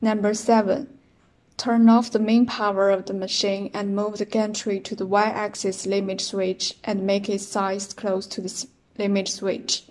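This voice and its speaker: In this step-by-step voice-over, a product demonstrator counts off numbered setup instructions for a machine in a plain, methodical manner. She is a young woman with a Chinese accent, speaking at a measured pace in a mid-range, darkish voice with flat delivery.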